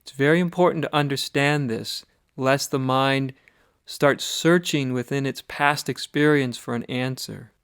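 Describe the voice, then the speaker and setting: Speaking very slowly, an American spiritual teacher gives guided meditation instruction in a clear, smooth, medium-pitched voice that's steady and fairly bright. He lays down short phrases with pauses in between, and the dry recording has little room sound and no echo.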